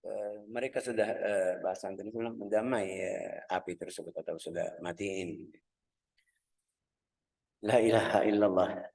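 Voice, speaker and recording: A man's voice: deep voice, steady tone, gravelly, a little mellow. Man teaching a religious lesson. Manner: explains slowly in simple Indonesian, searching for words, acts out voices. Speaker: Islamic teacher.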